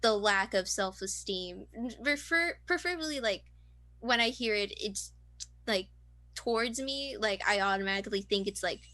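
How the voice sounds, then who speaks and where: A woman's voice: medium pitch, expressive, normal speed, bright, forceful tone. A nineteen-year-old woman interviewed over a video call, rambling casually with lots of fillers and self-deprecating asides.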